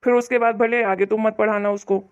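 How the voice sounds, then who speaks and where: A woman voicing a grown son in an animated cartoon, a mild shopkeeper who placates his mother. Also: fairly high pitch, brisk, clear, resonant tone, natural voice. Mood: placating. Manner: placating, reasonable. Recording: dull lo-fi audio.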